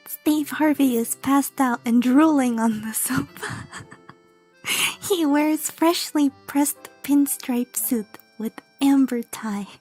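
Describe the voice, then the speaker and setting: A woman's voice: high-pitched, slow pace, darkish tone, faint music behind. A woman VTuber reading comedic fan fiction aloud, stumbling over lines and correcting herself. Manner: stumbling, self-correcting, laughing reader.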